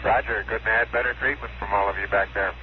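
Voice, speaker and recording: Man, low and monotone, over a radio link; clipped readouts, heavy hiss. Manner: halting with fillers, clipped readouts. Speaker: astronaut reporting from a lunar lander. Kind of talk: radio procedure talk. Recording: tinny radio link with loud static.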